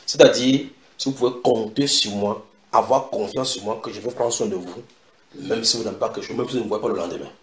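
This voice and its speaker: A man preaching a sermon in an animated way, repeating key phrases for emphasis. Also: lowish voice, a little fast. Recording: echoey room.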